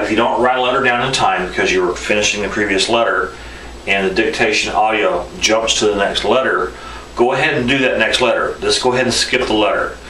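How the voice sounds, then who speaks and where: A man's voice: fairly low pitch, sharp tone. A middle-aged man giving an informal instructional demonstration as a teacher. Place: small indoor room at a whiteboard. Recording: echoey room, distant mic, faint noise.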